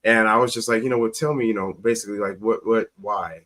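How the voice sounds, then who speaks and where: A man's voice: on the low side, fairly even intonation, quick pace, a bit bright. A man in an interview, telling personal stories conversationally as a guest and acting out quoted dialogue with emphasis. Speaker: talk show guest, teacher. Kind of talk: conversational storytelling on a talk show.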